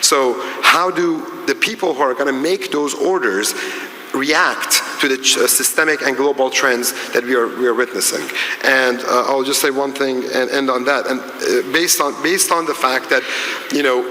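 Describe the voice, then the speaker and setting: A man speaking as a panelist at a conference, measured and academic, with frequent restarts and fillers. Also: mid-range voice, bright, forceful tone, slight background noise. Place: large conference hall. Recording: echoey, reverberant conference hall.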